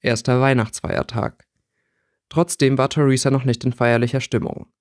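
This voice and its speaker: A man narrating a fan fiction audiobook in steady storytelling. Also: medium pitch, normal speed, dry recording, clean studio sound. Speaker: audiobook reader. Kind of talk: scripted narration.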